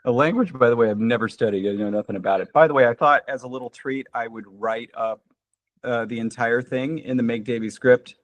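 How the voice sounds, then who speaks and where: A man's voice: medium pitch, a little fast, no room sound, lo-fi sound. An American man talking casually over a video call with a dry, close sound. He rambles and laughs at himself, filling gaps with "um" and "like". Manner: rambling, self-deprecating, with many fillers. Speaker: conlang relay participant.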